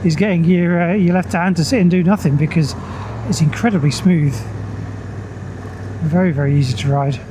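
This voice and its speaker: Man commentating over loud ride noise. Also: fairly high pitch, steady tone, moderate pace. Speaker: motorcycle reviewer. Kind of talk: casual spoken motovlog commentary while riding. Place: outdoors, riding a motorcycle on the road. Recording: noisy outdoor ride, engine and road noise.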